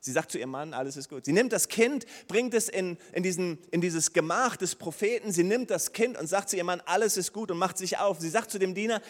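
Male preacher, slightly high voice, animated storyteller, church hall reverb. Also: fairly quick, hardly any pauses. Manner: lively storytelling preacher, acts out the characters' lines. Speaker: pastor. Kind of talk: sermon.

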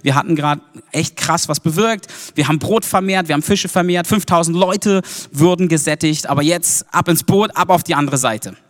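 A brisk, hurried Jesus snaps out orders in offhand, everyday words, as a preacher acts him out. The voice sits fairly high and carries a long hall reverb. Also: male voice, natural voice.

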